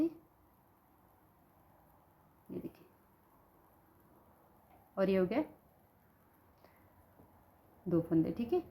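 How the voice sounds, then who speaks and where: A woman's voice: fairly high pitch, a little mellow. A woman giving a patient step-by-step knitting tutorial, talking through each stitch with a sore throat. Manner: patient, repeats "ठीक है" as she demonstrates. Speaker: knitting instructor.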